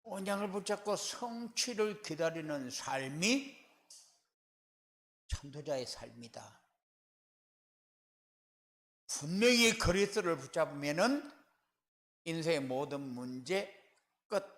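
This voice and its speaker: A man preaches from the pulpit of a church sanctuary, speaking slowly and deliberately with long pauses between phrases. He poses rhetorical questions and answers them with firm, repeated refrains, pushing louder on the key words. His voice sits a touch high, and the room rings with echo. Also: expressive. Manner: emphatic swells in loudness on key words. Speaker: pastor. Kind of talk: sermon.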